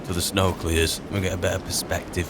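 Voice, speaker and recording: Brisk and flat, his low voice carries the in-character commentary of a suspicious adventuring wizard talking to himself in clipped phrases. The recording is clean except for game ambience.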